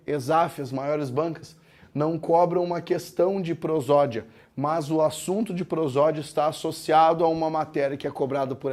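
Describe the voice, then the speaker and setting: A man teaching a grammar lesson, explaining step by step, asking the class questions, and slowing down to break words into syllables. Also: fairly high pitch, a little mellow. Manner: slows down to spell out words syllable by syllable. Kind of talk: classroom lecture.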